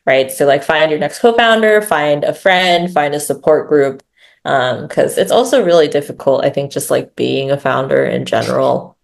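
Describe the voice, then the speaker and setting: Low, gravelly-voiced woman chatting casually. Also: normal speed. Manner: chatty, filler-heavy, frequent tag questions. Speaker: growth lead, interview guest. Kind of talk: casual interview talk.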